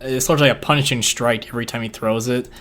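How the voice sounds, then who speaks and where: A man's voice: medium pitch, fairly even intonation, fast talker, a bit bright. A man co-hosting a fight-picks talk show, in loose casual chat that rambles with fillers and slang. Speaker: podcast co-host making fight picks.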